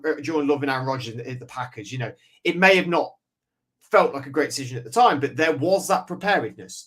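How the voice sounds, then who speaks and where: A man's voice: on the high side, a bit bright. A man co-hosting a casual sports podcast, eager, listing facts with stumbling restarts. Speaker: podcast co-host.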